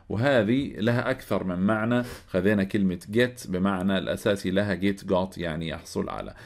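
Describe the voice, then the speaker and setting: A man explaining an English workbook lesson, spelling words out letter by letter and repeating each phrase. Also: lowish voice. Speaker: English teacher.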